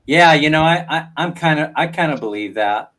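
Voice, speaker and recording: A man's voice: a little high, expressive, normal speed, a bit bright. A man co-hosting a casual live chat, joking and reading out viewer comments.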